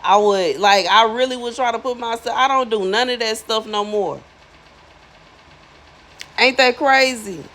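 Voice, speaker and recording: Fairly high-pitched and fairly bright, a woman in her thirties speaks at a measured pace with long pauses. She's a spiritual influencer giving viewers a casual, slangy, emphatic monologue, frequently repeating herself for effect; the rough recording carries a little hiss or hum.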